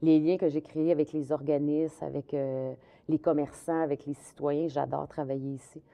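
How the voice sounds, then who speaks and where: A middle-aged woman from Quebec, Canada, with a Québécois French accent, answers interview questions about her career as a community police officer. She speaks steadily at a normal speed in a low, gravelly, dark voice with flat delivery, using many fillers and restarts.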